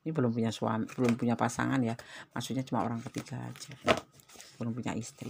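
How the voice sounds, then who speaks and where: A woman reads tarot cards for her viewers, speaking with a light tinge. Her voice sits very low and carries a gravelly, fry-edged texture. She talks in a chatty, exclamatory way, often breaking into pious interjections. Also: little pitch movement, quick pace, background noise. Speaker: tarot reader. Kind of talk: tarot card reading addressed to viewers.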